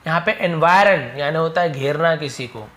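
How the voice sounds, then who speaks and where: A man's voice: on the high side, normal speed, a bit bright. Man teaching vocabulary. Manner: explains each word plainly, repeating meanings. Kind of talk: vocabulary lesson.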